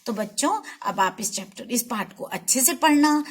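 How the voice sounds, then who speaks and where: A woman teacher giving a patient, repetitive lesson to young children, saying words slowly and clearly. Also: a little high, lively intonation.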